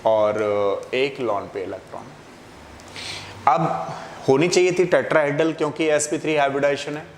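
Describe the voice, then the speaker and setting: A man gives a classroom chemistry lecture, steady and explanatory, often posing a question and answering it himself. His voice sits at an ordinary middle pitch. The room is echoey with a long reverb tail and a faint hiss behind him. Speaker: chemistry teacher.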